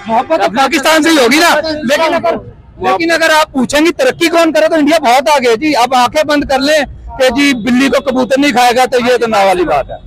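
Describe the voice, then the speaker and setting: Guy from afghanistan arguing in a street interview, high voice, crowd around. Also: a little fast, pauses often, fairly bright tone, low-quality recording. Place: busy city street at night.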